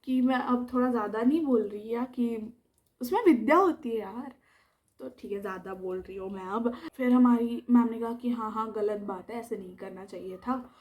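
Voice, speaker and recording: Young woman, high voice, mellow tone, chatty storytime, acts out the quotes. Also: normal speed. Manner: chatty, animated retelling that acts out the quoted lines. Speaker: storytime vlogger. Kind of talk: casual storytime narration.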